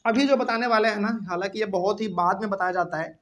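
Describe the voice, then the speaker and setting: A man's voice: sits high, quick pace, a bit bright. A man teaching a chemistry lesson at a whiteboard in Hindi with a Bihari accent, asking the class questions as he explains step by step.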